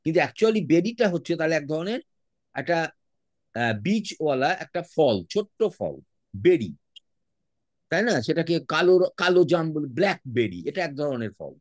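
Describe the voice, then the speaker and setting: Bengali-accented male teacher, online lesson, patient speller, animated pitch, dry sound. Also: moderate pace, pauses often, dry recording. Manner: patient, spells words out letter by letter; mixes English words into his speech.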